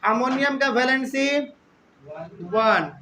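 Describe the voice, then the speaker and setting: High, bright-voiced male chemistry teacher. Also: expressive, slight background noise. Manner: repetitive, drawn-out, checks in with students. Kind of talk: classroom lecture. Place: classroom with live and online students.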